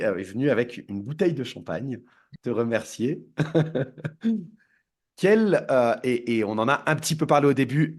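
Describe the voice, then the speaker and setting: A man hosting a podcast interview, asking questions while often searching for the right word. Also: medium pitch. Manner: searching for words, many fillers. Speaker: podcast host. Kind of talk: casual interview chat.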